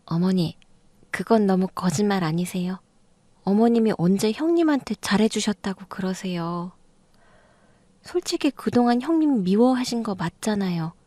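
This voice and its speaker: A woman's voice: medium pitch, lively intonation, moderate pace, dark tone, no echo, close to an everyday voice. A woman voicing a younger daughter-in-law in an audio drama, pressing and reproachful. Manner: insistent, reproachful. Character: younger second daughter-in-law, blunt and accusing.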